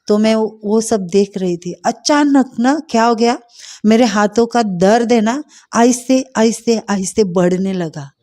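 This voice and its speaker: A middle-aged woman telling a personal faith testimony, heartfelt and hesitant, pausing often with fillers. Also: a little high, dark tone. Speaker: testimony speaker.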